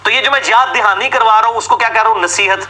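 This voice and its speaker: A man's voice: high voice, sharp tone, rough recording. A man giving an argumentative religious talk, asking sarcastic rhetorical questions and mimicking his opponents. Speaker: religious lecturer.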